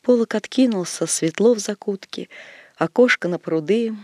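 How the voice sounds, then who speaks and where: A man narrating literary prose in slow, emotional, halting phrases. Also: high-pitched, no room sound, clean studio sound. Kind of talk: literary audiobook reading.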